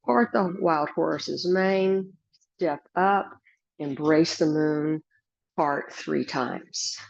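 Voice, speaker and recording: A woman instructor with a husky, slightly gravelly voice, gently guiding a tai chi class with serene, step-by-step movement and breathing cues. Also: low-pitched, very slow. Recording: dull lo-fi sound.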